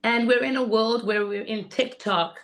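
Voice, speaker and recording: A woman with laryngitis, her voice hoarse and rusty as if unused, gives an informal, enthusiastic and instructive workshop. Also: a little high, steady tone, moderate pace. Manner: enthusiastic, instructive, repeats 'in other words'. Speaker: guest teacher of market selling.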